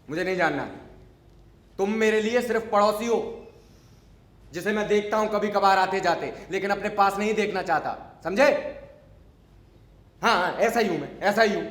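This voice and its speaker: A man's voice: sits high, fairly bright tone, echoey room. A man acting a grumpy, unsociable neighbor in a stage monologue, talking in a scolding, sarcastic, lecturing way. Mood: dismissive. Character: grumpy unsociable male neighbor, middle-aged. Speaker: stage actor. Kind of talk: theatrical monologue.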